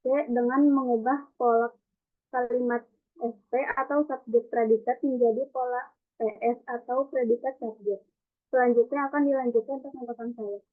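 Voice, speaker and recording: A young woman student presents class notes, reciting them carefully and evenly. Her voice sits fairly high. The recording sounds thin and tinny, like a phone line. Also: moderate pace. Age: young adult. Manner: even, careful recitation of a script.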